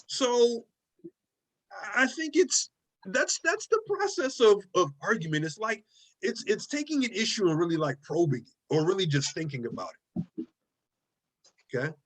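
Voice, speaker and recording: A man's voice: sits high, sing-song, normal speed, pauses often, a bit bright. A male college writing instructor giving a casual online class lecture from his desk over a video call. He talks conversationally, often checking in with "okay?" and "right?", and repeats words while he finds his phrasing.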